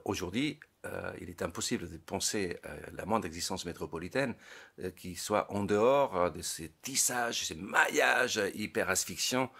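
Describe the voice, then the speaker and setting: Speaking at a normal speed, this man's voice is low, gravelly and husky with a slightly bright edge. He is a psychologist in his late fifties being interviewed as a guest, reflecting out loud and stumbling over little repeated words as he hunts for what to say next.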